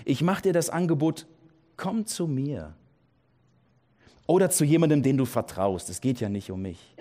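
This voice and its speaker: A man preaching a sermon in an earnest, emphatic way, repeating key phrases and dropping his voice low for weight. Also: expressive, moderate pace, dark tone.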